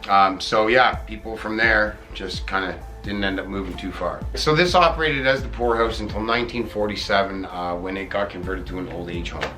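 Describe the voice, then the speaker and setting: A man from Canada co-hosting a paranormal show, talking in a relaxed way with many fillers. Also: on the low side, a little fast, few pauses, faint music behind. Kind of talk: casual co-hosted narration.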